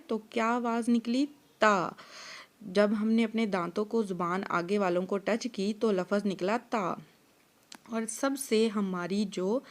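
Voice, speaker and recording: A woman with a Pakistani Urdu accent teaching Quran letter pronunciation step by step, drawing out each sound and often checking with "theek hai?". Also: mid-range voice. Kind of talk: slow step-by-step pronunciation lesson.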